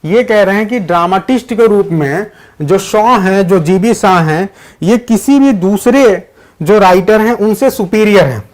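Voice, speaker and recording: A man's voice: high voice, expressive, a little slow. A man teaching English grammar for exams in a live online class, reading out students' chat answers and switching between Hindi and English. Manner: mixes Hindi with English sentences. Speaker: English teacher for exam prep. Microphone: digital board class setup.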